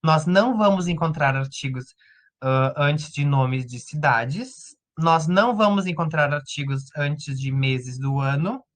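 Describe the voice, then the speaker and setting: A man's voice: fairly high pitch, measured pace. A man with a Brazilian Portuguese accent teaching Spanish grammar in an online lesson, explaining step by step and often checking in with the students.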